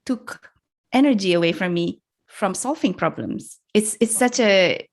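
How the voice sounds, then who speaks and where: A woman's voice: medium pitch, animated, measured pace. A middle-aged woman from Indonesia, a guest in a casual interview, speaking reflectively and laughing often as she restarts her sentences. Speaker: podcast guest.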